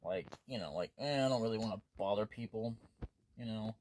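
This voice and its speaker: A man's voice: on the low side, brisk, darkish tone, a little hiss or hum. A man doing gameplay commentary, casually rambling and reading the game's text aloud, punctuation included. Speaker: let's play host.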